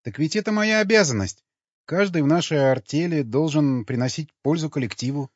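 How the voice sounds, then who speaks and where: A man reading an audiobook, voicing a meek, naive young woman who talks in a soft, docile, matter-of-fact way. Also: fairly high pitch, expressive, fairly quick, no room sound, voice pushed up. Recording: dull lo-fi recording.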